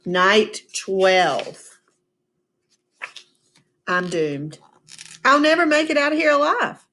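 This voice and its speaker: A woman's voice: medium pitch, big pitch swings, slow pace, pushed and bright, slight background noise, heavily acted. A woman reading the diary of a small worried boy hamster in a dramatic voice. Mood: despairing. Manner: dramatic, swinging between despair and delight.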